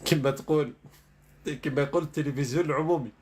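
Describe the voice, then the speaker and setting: A man's voice: on the high side, quick pace, darkish tone. A man giving sarcastic online commentary, reading news dispatches aloud and then mocking them.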